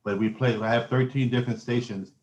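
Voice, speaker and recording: A man's voice: mid-range voice, steady tone, fairly quick, a little mellow, dull audio. A man who runs radio stations, talking with emphatic enthusiasm on a podcast. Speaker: radio station owner, guest. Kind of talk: casual podcast chat. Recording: roomy echoey room.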